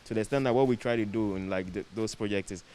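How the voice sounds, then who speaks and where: A man with a Ghanaian accent speaks in a somewhat low voice in a relaxed interview conversation. He often repeats phrases for emphasis, and a light hiss sits behind him. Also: quick pace, poor audio. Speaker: interview guest, production set designer. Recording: clear background noise with hiss.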